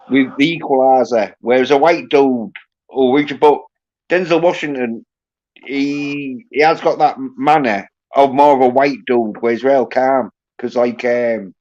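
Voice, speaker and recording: A man hosting a livestream in casual chat, talking haltingly with lots of fillers and restarts. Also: medium pitch, a little mellow. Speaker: livestream host. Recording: muffled lo-fi audio.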